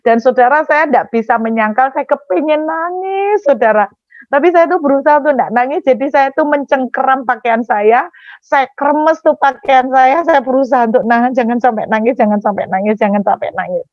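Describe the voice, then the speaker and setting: A woman preacher tells a personal story from the pulpit. She is animated and keeps turning to the congregation. The recording sounds dull and dry. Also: sits high, fairly quick, dry recording. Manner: animated, often addresses the congregation as brothers and sisters. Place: church.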